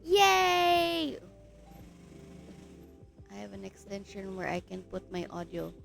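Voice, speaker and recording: A woman's voice: mid-range voice, sing-song, slow pace, creaky, faint music behind. A woman with a Filipino accent chatting casually on a livestream, giggling often, her voice stuffy and congested from a cold. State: stuffy nose, sick voice. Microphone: streaming mic.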